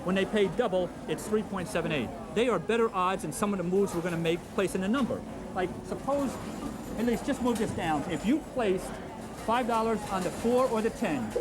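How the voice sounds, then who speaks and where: A man's voice: high-pitched, heavy background noise. A man teaching craps odds in an instructional video, patiently drilling the numbers and checking in with "okay?", heard from a worn VHS tape copy. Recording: music underneath, old tape copy.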